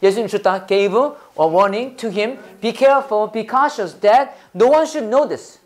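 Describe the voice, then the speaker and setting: An English teacher running a Bible-based lesson, quizzing the class and drilling phrases in call-and-response. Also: medium pitch. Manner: quizzing, repeats phrases slowly for learners.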